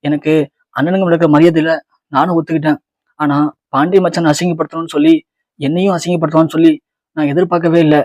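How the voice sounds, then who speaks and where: A man's voice: a little high, flat delivery, fast, pauses often, a little mellow, no echo, close to an everyday voice. A man voicing an angry, humiliated young husband, bitter and accusing.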